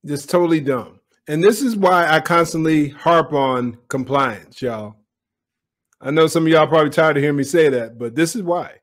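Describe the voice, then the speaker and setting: A man's voice: a little high, normal speed. A man giving opinionated commentary on a police video, speaking bluntly and directly to his viewers.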